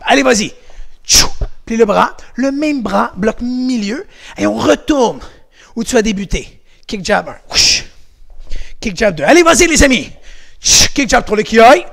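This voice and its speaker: A man with a Québécois French accent leading a karate workout for kids, coaching with energy and shouting counts and kiai cries. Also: extremely high pitch, vocal fry. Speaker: karate instructor. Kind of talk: home workout class for kids.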